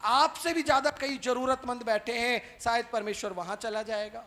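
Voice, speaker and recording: A man preaching a sermon to a live congregation, firing rhetorical questions at them and tacking a quick "right?" onto nearly every point, swinging between loud calls and quieter asides. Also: very high-pitched, steady tone.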